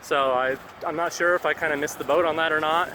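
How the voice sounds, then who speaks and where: Here a fast-talking man with a slightly high, fairly even voice does casual vlog chat about video game collecting. He roams shops and a mall, regularly checking in with a companion, while traffic and ambient sound crowd the noisy location audio.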